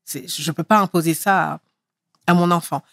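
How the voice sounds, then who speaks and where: A middle-aged actress from France speaking in a relaxed interview, lively and emphatic as she tells her story. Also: lowish voice, moderate pace, creaky, dry recording, clean studio sound. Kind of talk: casual interview talk.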